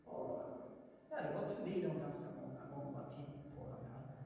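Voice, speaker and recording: A man preaching a lively sermon, telling stories and building to fervent proclamation. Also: fairly high pitch, gravelly, far from the mic, slight background noise. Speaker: pastor. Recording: echoey hall, voice from afar.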